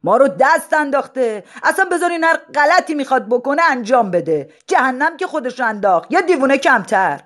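A reader voicing an adult male sheriff, angry and impatient, talking fast. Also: high voice, lively intonation, fairly bright tone, voice pushed up. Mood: exasperated. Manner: fast, exasperated.

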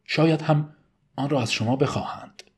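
A man reading a weary, gentle prison priest. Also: a little high, voice pushed up, natural voice. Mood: earnest. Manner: earnest, pleading.

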